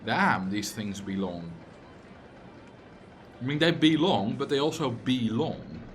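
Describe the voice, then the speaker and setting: Speaking slowly with lively intonation at a medium pitch, a young man from the Netherlands comments casually on a game during a stream, and a little hiss or hum is audible. He has a Dutch accent as a native Dutch speaker, reads viewer chat out loud, jokes back and occasionally launches into loud, exasperated rants.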